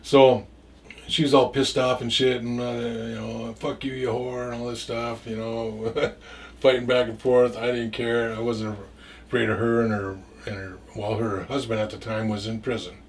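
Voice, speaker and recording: A man spins a loose, casual story, tripping over his words and repeating himself as he goes. He swears freely and never polishes a sentence. His voice sits at an ordinary middle pitch and is picked up from a little way back from the microphone. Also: flat delivery, moderate pace, distant mic, a little hiss or hum.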